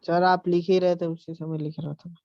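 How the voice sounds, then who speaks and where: A man's voice: high-pitched, level tone, moderate pace. A male student giving brief, polite replies to his teacher, heard over an online call line. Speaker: student answering in an online class. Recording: dull lo-fi online call audio.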